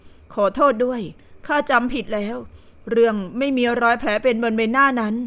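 A woman voicing a young female healer who speaks quietly and hesitantly in an audio novel. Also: a little high, steady tone, moderate pace, natural voice. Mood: flustered. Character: young woman healer, wary and quick-witted.

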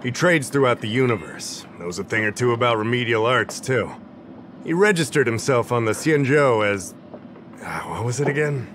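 An actor playing a friendly, somewhat scatterbrained official in a video game, casual and easygoing. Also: male voice, medium pitch, lively intonation, normal speed, fairly bright tone, slight background noise, close to an everyday voice. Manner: casual and easygoing, a bit forgetful. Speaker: game character.

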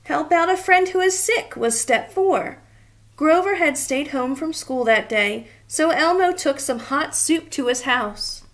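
Speaking at a measured pace in a high-pitched, animated voice, a woman in her thirties reads a story to children and asks them questions along the way. The setting is a small indoor room, and she reads with lots of expression.

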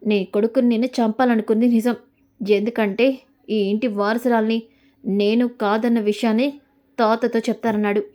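Scheming young heiress, coolly defiant, slightly high and mellow; read by a woman. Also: natural voice.

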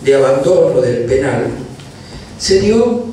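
On a panel in a university hall, a man with an Argentine accent tells an anecdote slowly in a fairly high, sing-song, mellow voice. He holds a handheld mic but is recorded by a far camera, so the hall sounds roomy and there's a little hiss or hum.

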